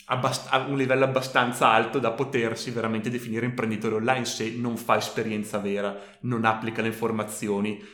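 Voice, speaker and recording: A man's voice: lowish voice, little pitch movement, fairly quick, hardly any pauses, fairly bright tone. A man co-hosting a podcast, giving casual, colloquial advice and stressing his points emphatically. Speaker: podcast co-host. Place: room in a home. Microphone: microphone on a tabletop stand. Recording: roomy, echoey home recording.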